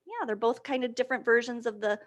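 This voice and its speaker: Reading a picture book to little kids, this woman keeps things lively and supportive, posing questions and then supplying the answers herself. She speaks quickly in a high voice, and the highs are cut off.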